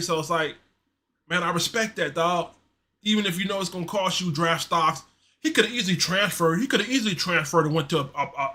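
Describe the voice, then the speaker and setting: Bright, slangy male stream host. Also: on the high side. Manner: loose, slangy, animated, reads chat messages aloud. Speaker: sports show host. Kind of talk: casual live-stream commentary. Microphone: streaming mic.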